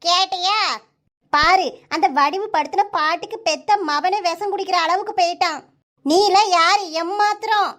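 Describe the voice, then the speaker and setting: A voice actor doing a shrill scolding cartoon mother. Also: steady tone, normal speed. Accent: Kanyakumari Tamil. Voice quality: high, pitched-up cartoon voice. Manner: sharp, scolding, threatening. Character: scolding village mother of two daughters. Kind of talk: cartoon voice acting.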